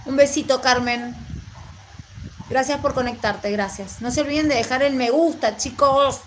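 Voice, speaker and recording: A woman's voice: high-pitched, normal speed, a little hiss or hum, rough recording. A woman from Mendoza with a Mendoza Argentine accent, reading and answering her live chat in an affectionate, rambling way. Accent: Mendoza Argentine Spanish. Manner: chatty, affectionate, rambling with fillers.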